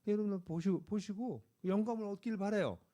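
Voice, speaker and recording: A middle-aged man preaching a sermon as pastor, telling stories with lively energy and building to emphatic exhortation. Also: high voice, fairly quick. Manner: animated storytelling, rising to emphatic exhortation. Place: church sanctuary.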